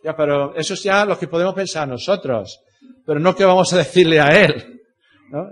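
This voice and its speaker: A man's voice: fairly high pitch, moderate pace, fairly bright tone. Older British man teaching a Bible class. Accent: British English. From Britain. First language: English. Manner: explanatory, rhetorical questions, frequent tag questions. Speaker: pastor.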